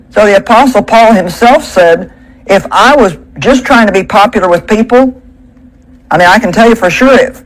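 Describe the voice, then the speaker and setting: A woman's voice: lowish voice, rough recording. Woman preaching at a pulpit microphone. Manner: conversational, emphatic preaching with rhetorical questions. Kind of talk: sermon.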